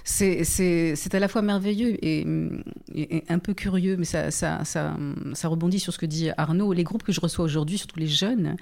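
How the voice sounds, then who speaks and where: Slightly low-pitched and unhurried, this woman speaks as a radio music programmer in a relaxed panel discussion. She feels her way through each thought, stopping and restarting as she goes. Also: gravelly. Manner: halting, thoughtful, many restarts.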